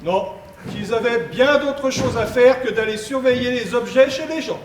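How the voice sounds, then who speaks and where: A man's voice: extremely high pitch, moderate pace, recorded from a distance, a little hiss or hum. A man acting a simple, boastful hired guard with folksy, eager talk in an amateur stage play. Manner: folksy, eager talk that pushes his companion to speak. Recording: echoey stage hall picked up from afar.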